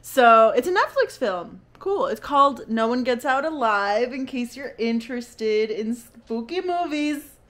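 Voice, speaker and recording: A woman's voice: fairly high pitch, lively intonation, unhurried, hardly any pauses, a bit bright. A young woman talking casually to the camera in a home vlog. She rambles and laughs often, and she pokes fun at herself. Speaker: vlogger.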